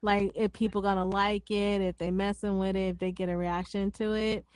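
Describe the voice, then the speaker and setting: A woman's voice: medium pitch, flat delivery, normal speed, darkish tone, clean tone, dry recording. A woman with a Memphis Southern accent who says her R's like W's, explaining things in slangy casual chat. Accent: Memphis Southern American. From Memphis, United States. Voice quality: struggles to pronounce R's, says w for r.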